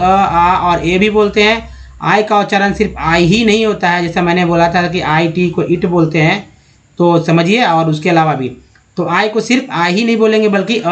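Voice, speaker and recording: A man teaching English spelling and pronunciation from slides, drawing words out slowly one at a time and addressing viewers as friends. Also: sits high. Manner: slow, drawn-out word-by-word pronunciation. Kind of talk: slide-based spelling lesson.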